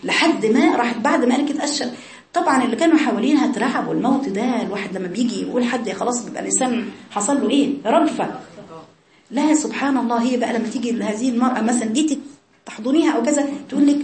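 A woman's voice: a little high, racing, a little mellow, echoey room. A woman with an Egyptian accent giving a religious lesson to young women, earnest and emphatic, repeating her key phrases. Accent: Egyptian Arabic. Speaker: religious teacher.

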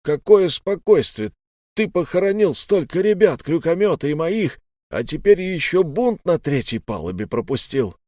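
A man's voice: mid-range voice, expressive, a little fast, hardly any pauses, no room sound, clean studio sound, lightly acted. A man playing a furious old ship officer. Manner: shouting, indignant.

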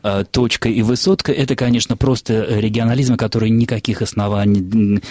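Male radio language expert, low voice, quick delivery, dry studio sound. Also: fairly even intonation, a little mellow, no echo. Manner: fast, measured, many hesitations. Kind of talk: explanatory radio talk. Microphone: studio microphone.

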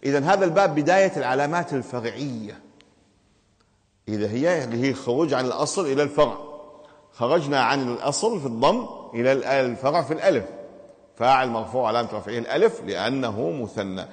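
A male teacher leads a class through grammar, firing questions at his students and insisting they explain each answer. His voice sits at an ordinary middle pitch. It carries a long reverb from the classroom around him. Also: animated, fast talker.

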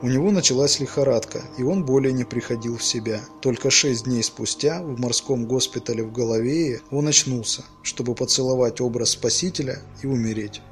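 A man reading a dark sea adventure aloud in measured, scripted audiobook narration. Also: mid-range voice, faint music behind.

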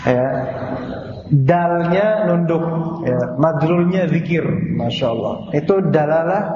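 A man's voice: on the high side, animated, slow pace. Male teacher, casual classroom lecture, quizzes the students, echoey hall with faint noise. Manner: conversational, asks students questions. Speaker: Islamic teacher. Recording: echoey, dull room recording.

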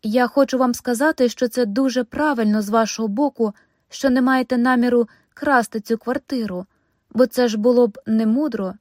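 A gentle elderly lady chats sweetly and politely, as a woman reader puts her on. Her voice sits fairly high and close, with a dry sound. It is storybook reading with a soft, kind touch. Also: normal speed, no echo, lightly acted. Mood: soothing.

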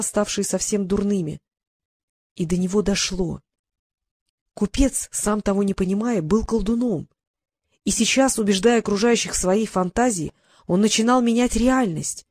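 A woman reads a fantasy audiobook with lively, expressive storytelling, at a middle pitch for her sex. The recording is close and dry, with no room echo. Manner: lively storytelling, voices the characters. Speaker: audiobook narrator.

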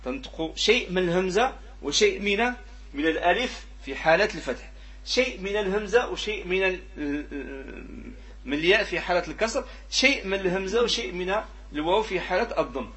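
A man with a Moroccan accent teaching a class on Quran recitation rules. His voice is high-pitched and bright. He asks his students questions and demonstrates sounds by stretching them out and repeating them. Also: expressive. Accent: Moroccan Arabic. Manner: drawn-out demonstrations of pronunciation. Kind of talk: classroom lesson on tajweed.

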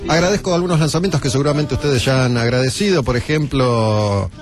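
A man's voice: medium pitch, fairly quick, faint music behind. Chatty Argentine radio host, man. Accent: Argentine Spanish. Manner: chatty, joking. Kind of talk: casual studio banter. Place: radio studio.

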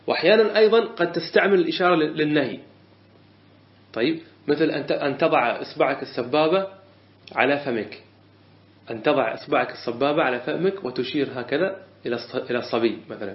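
A man teaching a classroom lesson on a religious legal text, explaining patiently, repeating phrases and asking and answering his own questions. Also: on the high side. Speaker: teacher of Islamic jurisprudence. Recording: echoey lo-fi room recording.

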